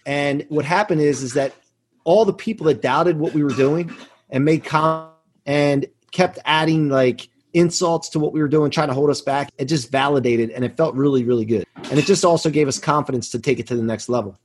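A man in his forties with a higher-pitched voice speaks fairly quickly over slight background noise. As a confident podcast guest, he tells motivational business anecdotes in an emphatic, earnest interview style.

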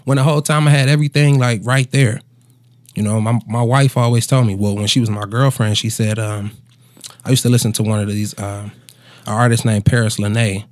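This twenty-something musician chats and tells stories like a relaxed bro, heavy on slang and swearing. He talks fairly quickly with fairly even intonation in a mid-range, slightly mellow voice. The studio-quality recording has no echo.

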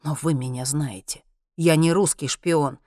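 A cornered hunter, as an audiobook narrator plays him, speaks low and subdued while soldiers hold him at gunpoint. The voice sits in the middle range. It is recorded close and dry, with no room around it. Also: steady tone, measured pace, darkish tone, no echo, natural voice. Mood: pleading, subdued. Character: cornered hunter man, pleading then defiant. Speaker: audiobook narrator voicing a character.

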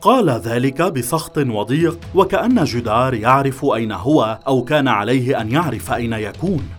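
A man of mid pitch narrates a suspense audiobook in a measured, dramatic way. Faint music runs underneath his voice. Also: lively intonation.

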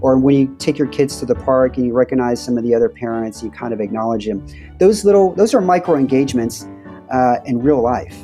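A man's voice: mid-range voice, fairly quick, over music. A man from Texas talking casually and conversationally as a podcast guest. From Texas, United States.

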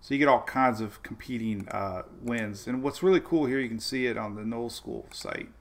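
A man with a gravelly, medium-pitched voice speaks at normal speed while hosting a live weather stream. The weather show host reads chat, chats casually about the tropics, addresses viewers by name, and laughs a lot.

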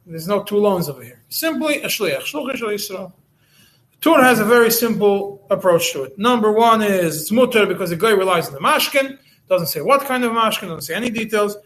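Rabbi guy a higher voice giving a shiur, words, restarts a lot as he explains. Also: animated, brisk, fairly bright tone, poor audio. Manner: explains step by step, with many restarts and Hebrew and Yiddish terms. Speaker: rabbi teaching a halacha class. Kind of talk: recorded Torah lesson.

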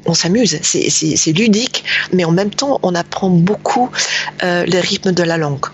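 A British woman whose first language is English, an online English teacher, talking casually in French with halting restarts and many fillers. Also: on the low side, lo-fi sound, slight background noise. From Britain. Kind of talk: casual interview talk.

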